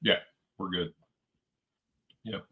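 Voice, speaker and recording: A man's voice: very slow, phone-quality sound. A man co-hosting a podcast, mostly giving short agreeing replies. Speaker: co-host.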